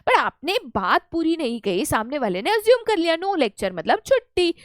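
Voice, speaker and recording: A young Indian woman teaching an online lesson, lively and playful, acting out little scenes to make her points. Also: high voice, moderate pace, dry recording, studio quality. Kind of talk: online lecture in Hindi mixed with English.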